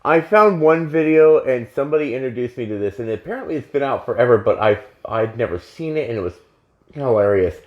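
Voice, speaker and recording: A man's voice: medium pitch, lively intonation, brisk, highs cut off. A man co-hosting a casual podcast, rambling and restarting his sentences. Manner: rambling, self-interrupting. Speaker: podcast co-host.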